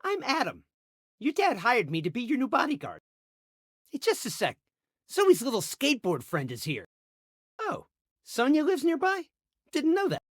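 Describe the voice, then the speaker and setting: A man's voice: very high-pitched, normal speed, pauses often, no echo, clean studio sound, heavily acted. An actor playing an eager, lovesick, awkward young male bodyguard in a video game. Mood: awkward, chatty. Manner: excitable, awkward, hammy. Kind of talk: animated video game character acting.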